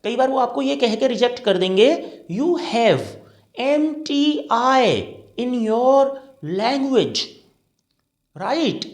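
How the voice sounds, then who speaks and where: With an Indian accent, a male career trainer explains things patiently in a classroom style, checking that listeners follow along. His voice is very high and animated, delivered very slowly in an echoey room.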